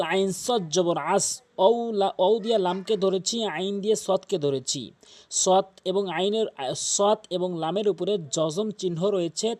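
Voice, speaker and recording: A man teaching tajweed step by step, spelling out letters and vowel marks slowly and repeating each syllable. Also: high voice, a little mellow. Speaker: Quran recitation teacher.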